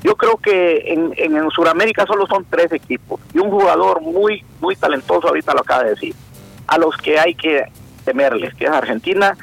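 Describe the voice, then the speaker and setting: A man with a Honduran accent calling in to a radio show, halting and often repeating words as he searches for them. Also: on the high side, vocal fry, fairly bright tone, no room sound, low-quality recording. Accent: Honduran Spanish. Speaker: radio caller. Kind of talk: call-in opinion.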